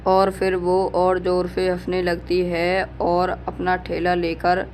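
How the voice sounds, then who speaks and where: A narrator telling a cartoon horror story in plain, even storytelling. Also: medium pitch, slow pace, slight background noise.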